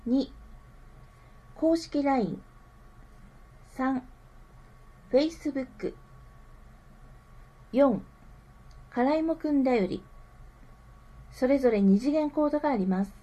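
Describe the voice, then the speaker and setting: Female reader for public notices: soft mellow tone, unhurried, carefully enunciated scripted delivery. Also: high voice, poor audio. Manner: careful enunciation, digits read out slowly one group at a time. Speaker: reader of a town newsletter. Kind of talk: scripted informational read-aloud.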